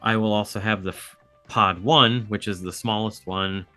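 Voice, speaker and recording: A man's voice: fairly low pitch, steady tone, normal speed, bright, forceful tone, no room sound, soft background music. A man speaking as a podcast guest, explaining things in an easygoing, casual way. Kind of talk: casual chat.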